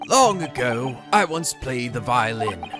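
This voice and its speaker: A performer voicing a melodramatic, despairing gentleman detective from a video game, in a florid, theatrical, lamenting way. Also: mid-range voice, sing-song, unhurried, music in the background, pitched below the performer's own voice. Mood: anguished lament. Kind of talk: hobby game dub read-aloud.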